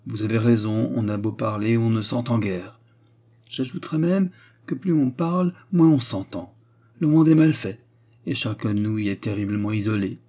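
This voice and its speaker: A man voicing a cool, reserved gentleman in an audiobook, speaking in a measured way. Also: fairly low pitch, close to an everyday voice. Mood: rueful. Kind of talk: audiobook character reading.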